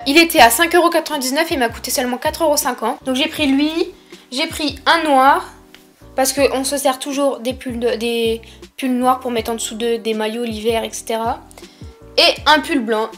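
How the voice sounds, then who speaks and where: High-voiced young woman with a lisp. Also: steady tone, normal speed, faint music behind. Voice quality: lisp on s sounds. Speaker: vlogger presenting a shopping haul. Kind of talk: casual chatty haul presentation.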